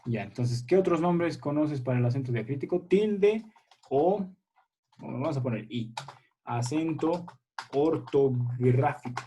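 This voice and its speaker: A man with a fairly high, expressive voice teaches a primary school language class over a video call, speaking at a moderate pace in a warm tone with slight hiss or hum. He patiently quizzes and encourages his pupils, often checking in with "a ver" and "¿ya?".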